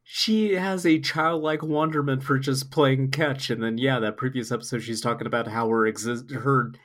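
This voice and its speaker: A man's voice: medium pitch, fairly even intonation, normal speed, fairly bright tone. Sick man with a slightly cracking voice. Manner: loose, rambling and jokey, swears casually. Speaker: podcast co-host. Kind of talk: casual chat recapping an anime episode.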